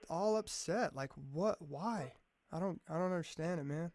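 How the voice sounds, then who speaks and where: A man's voice: fairly high pitch, moderate pace, darkish tone. A man as a podcast guest in casual chat, a laid-back, profane storyteller who keeps calling people "man.".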